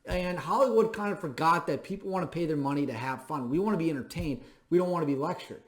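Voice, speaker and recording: A thirty-year-old man hosts a show, speaking to camera in an emphatic, plainspoken opinion monologue and repeating phrases for stress. His voice is fairly high and his pace is quick.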